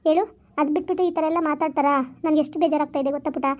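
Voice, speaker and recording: A woman's voice: high-pitched, fairly even intonation, rapid-fire, muffled recording, close to an everyday voice. A woman voicing a patient mother who soothes and coaxes her crying daughter in a family skit. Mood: coaxing. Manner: soothing, coaxing, lecturing softly.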